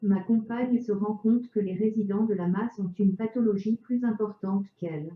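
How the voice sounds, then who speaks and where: A synthetic woman's voice narrates a prepared script in a chipper text-to-speech manner. The pitch sits in an ordinary middle range and the words come out evenly articulated. The sound is dull and lo-fi, with a clear roomy echo around the voice. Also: normal speed. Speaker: video narrator. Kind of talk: scripted self-introduction narration.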